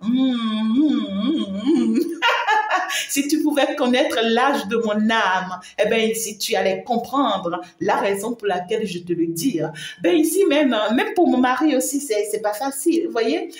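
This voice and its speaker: A woman's voice: a little high, a little slow. A woman spiritual medium giving an emphatic, repetitive live-streamed talk, addressing her viewers fondly. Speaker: spiritual medium and channel host. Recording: roomy echo.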